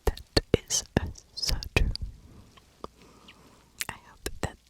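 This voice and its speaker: Extremely slow and close to the mic, the ASMR host tells her true crime story in an unvoiced, breathy whisper. She draws out her words and says them again.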